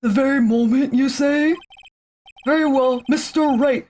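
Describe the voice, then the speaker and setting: A woman voicing an old male courtroom judge in a game, speaking slowly and formally. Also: sits high, steady tone, a little mellow, pitched above the performer's own voice. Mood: solemn.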